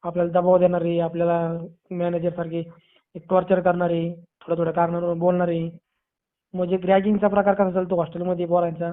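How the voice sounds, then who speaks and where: Over a narrow, tinny phone line, a man with a Marathi accent casually reassures and advises a friend, often repeating himself. His voice sits high, his delivery is completely flat, and he talks a little fast.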